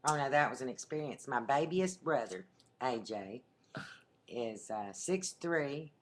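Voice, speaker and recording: Woman, middle-aged, Southern accent, very deep voice, chatty storyteller, webcam at home. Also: lively intonation, measured pace, slight background noise. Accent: Southern US, Arkansas. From Arkansas. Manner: chatty storyteller with a drawl, laughs often. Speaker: co-host of a webcam video. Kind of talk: casual chat.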